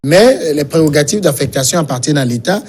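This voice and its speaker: A man's voice: fairly high pitch, lively intonation, brisk, a little mellow, breathy edge. A male TV interviewer from Togo asking probing questions about local elections. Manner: probing, with brief backchannels.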